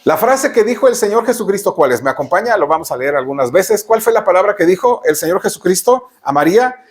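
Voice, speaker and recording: A man's voice: sits high, very animated, fast talker. A man with a Mexican Spanish accent preaching a sermon as pastor, emphatic and direct, often asking the congregation rhetorical questions.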